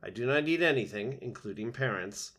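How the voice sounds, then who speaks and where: A man's voice: mid-range voice, expressive, brisk, fairly bright tone. A man playing a friendly, literal-minded female robot in a storybook, speaking politely, precisely and cheerfully. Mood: cheerful, factual.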